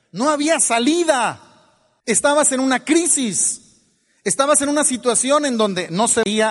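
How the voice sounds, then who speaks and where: Mexican male motivational speaker, playful and theatrical, fairly high voice, recorded in an echoing hall. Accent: Mexican Spanish. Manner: playful, acts out quoted baby voices, laughs often. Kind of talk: motivational talk to a live audience.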